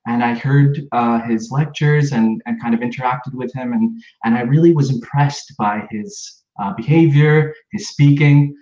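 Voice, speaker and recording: A man's voice: medium pitch, measured pace, hardly any pauses, warm tone. A man hosting a podcast interview, chatting casually with plenty of fillers and restarts. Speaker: podcast host. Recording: echoey room, slightly dull sound.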